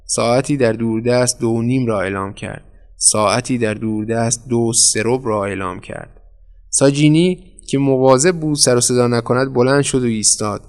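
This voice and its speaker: Male storyteller, steady mid voice, measured dramatic narration. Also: mid-range voice. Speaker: audiobook narrator. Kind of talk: scripted narration.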